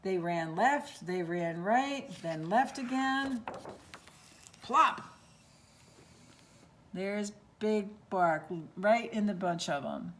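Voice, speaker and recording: A woman reading a picture book aloud at storytime, expressive, with asides about the pictures. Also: medium pitch, drawn-out words, pauses often, a little hiss or hum. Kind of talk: read-aloud storytime with voices.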